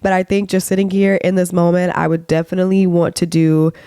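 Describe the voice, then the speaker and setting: A woman hosting her own podcast, sick and a bit hoarse, chatting in a casual, encouraging way with lots of "like" and "okay?". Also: fairly low pitch, little pitch movement, fairly quick, warm tone, dry recording, clean studio sound. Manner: chatty, many "like"s and "okay?" check-ins to listeners; faith-minded encouraging talk. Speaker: podcast host. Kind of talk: casual solo podcast chat. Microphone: podcast microphone.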